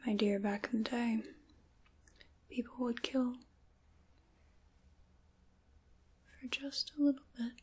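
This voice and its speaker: Here a woman whispers breathily as a cunning old dark witch for an ASMR roleplay, her voice sitting a little high. She chooses her words slowly and theatrically in an antiquated style, sounding wistful as she reminisces.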